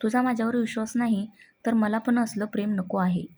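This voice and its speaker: A woman voicing an angry young man who speaks loudly to his partner in an audio story. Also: a little high, steady tone, a little fast. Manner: loud and angry.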